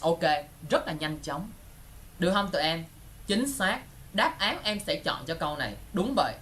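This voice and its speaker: Lively male teacher. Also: high voice, slight background noise. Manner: keeps checking students follow with quick questions. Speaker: English exam teacher. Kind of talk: lively online class teaching.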